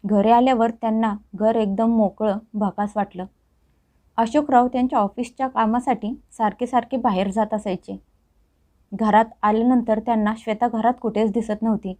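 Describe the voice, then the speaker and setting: Woman, storyteller, scripted narration, steady delivery, somewhat high, mellow tone. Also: normal speed.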